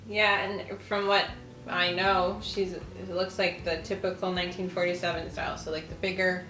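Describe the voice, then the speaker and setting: A woman with a bright, forceful tone and a fairly low pitch hosts a casual lifestyle video, speaking at a normal speed with little pitch movement. She chats and reads from an old newspaper over faint music in a roomy, echoing space.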